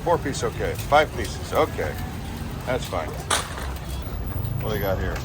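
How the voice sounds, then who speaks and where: A man's voice: on the low side, very animated, unhurried, loud music behind the voice. A man vlogging casually as he walks and talks, thinking aloud outdoors on busy streets and at markets. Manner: walking and talking, thinking aloud. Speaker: travel vlogger. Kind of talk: walking and talking vlog, casual. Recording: noisy outdoor street with traffic. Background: loud traffic and street ambience.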